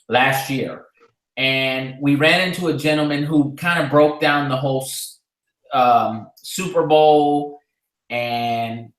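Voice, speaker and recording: A man co-hosting a live boxing talk show, breaking down fights in a measured, analytical way with frequent fillers. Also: on the high side, a bit bright. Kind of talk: casual live-stream discussion. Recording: echoey room.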